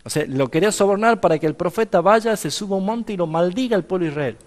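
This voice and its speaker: A man's voice: high voice, expressive, fast, big-room sound. A man with an Argentine accent, a pastor teaching a seminary class in sermon style, retelling Bible stories with acted-out dialogue and questions to his listeners. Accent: Argentine Spanish. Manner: storytelling, acting out dialogue, asks the audience questions.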